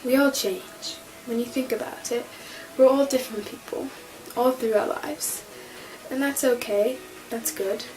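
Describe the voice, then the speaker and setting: Brief: a woman playing a giddy male alien just regenerated, high, bursting with exclamations. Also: measured pace, faint music behind, lightly acted, rough recording. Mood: gentle, wistful. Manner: excitable, exclamatory, checking himself over. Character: manic newly regenerated male alien Doctor.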